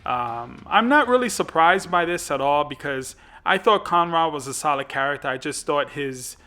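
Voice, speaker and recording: A man's voice: on the high side, animated, moderate pace, pushed and bright. A man hosting a gaming channel, giving casual commentary on a fighting game, rambling with lots of fillers and restarts.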